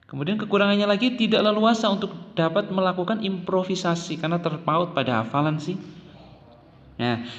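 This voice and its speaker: An instructor with an Indonesian accent explains public speaking methods to an audience, often adding "nah" and "ya" as he addresses listeners; the setting is an office or meeting room. His voice is fairly high and fairly bright, sounding as if in a large hall, with the highs cut off.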